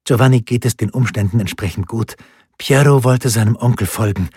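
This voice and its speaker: A man's voice: medium pitch, fairly quick, a little mellow, husky, dry recording, studio quality. A man voicing a worried, firm noblewoman in an audiobook, urgent and anxious.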